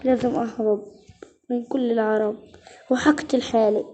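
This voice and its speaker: A woman's voice: fairly high pitch, level tone, normal speed, dark tone, a little hiss or hum. A woman telling a story in the first person, voicing its heroine in a frantic, panicky way.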